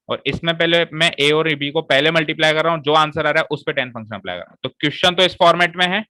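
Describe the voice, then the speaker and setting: Male maths teacher, bright forceful voice, walks students through each step, dry close recording. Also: on the high side, clean tone, dry recording, low-quality recording. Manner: explains step by step and checks with students. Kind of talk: classroom maths lesson.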